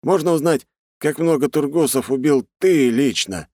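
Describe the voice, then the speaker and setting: A man's voice: fairly high pitch, moderate pace, a little mellow, no room sound, clean studio sound, voice pushed up, lightly acted. A man voicing a stern, anxious old male servant in an audiobook reading.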